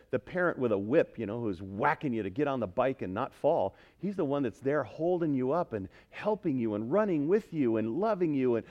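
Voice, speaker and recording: A man preaching a sermon as pastor, swinging between loud, emphatic exhortation and quiet earnestness, often putting questions to the congregation. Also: a little high.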